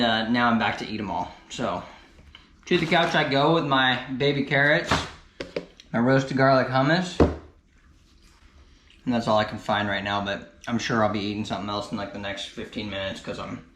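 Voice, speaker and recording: A man's voice: mid-range voice, a bit bright, roomy sound, slight background noise. A man vlogging casually about his food for the day, easygoing and chatty, sometimes talking while he eats at home. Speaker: cycling vlogger. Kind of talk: casual vlog to camera. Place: home, kitchen and couch.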